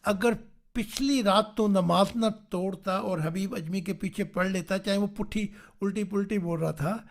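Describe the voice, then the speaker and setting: Solemn, tender divine voice addressing a saint slowly, as a male preacher puts it on; video-call audio. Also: high-pitched, fairly even intonation, gravelly.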